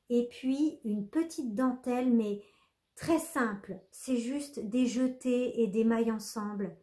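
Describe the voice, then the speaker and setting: A woman's voice: on the high side, mellow, roomy sound. A young woman talking casually about her knitting projects, chatty and full of little fillers and restarts. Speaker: knitting podcaster. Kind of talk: casual knitting vlog chat.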